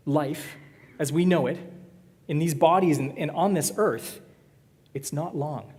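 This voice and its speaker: Man, pastor, conversational sermon, joking with the congregation, fairly high voice, long church-hall reverb. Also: darkish tone. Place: church sanctuary.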